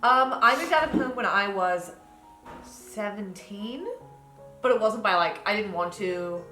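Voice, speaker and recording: A woman's voice: mid-range voice, animated, unhurried, sharp tone. A woman in her twenties co-hosting a casual chat at home, cheeky and self-mocking. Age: 20s. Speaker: co-host. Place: home, in a pillow fort indoors. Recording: echoey room with background music.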